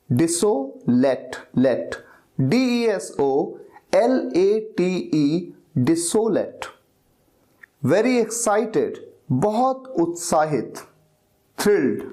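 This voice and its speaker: A man teaching English vocabulary in a slow lesson, spelling each word out letter by letter and repeating it. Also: high-pitched, a little mellow.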